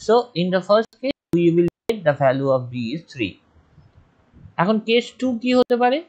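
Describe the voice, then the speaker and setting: A man's voice: high voice, sing-song, slow, a little mellow. A male teacher giving an online class, walking methodically through each case aloud, while his audio keeps breaking up and cutting out. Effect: choppy online audio that keeps cutting out. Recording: dull lo-fi internet audio.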